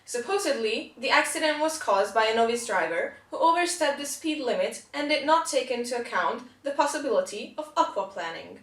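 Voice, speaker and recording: A woman's voice: a little high, lively intonation, a little fast, few pauses, a bit bright. A woman playing an earnest parody news anchor, reading mock news in a formal delivery. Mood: solemn, formal. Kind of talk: scripted mock news report. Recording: roomy, echoing amateur recording.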